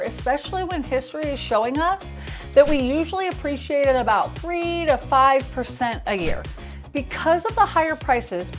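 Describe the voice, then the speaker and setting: An American woman with a lisp and whistling s sounds, presenting a scripted explainer to camera as a realtor and host. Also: high voice.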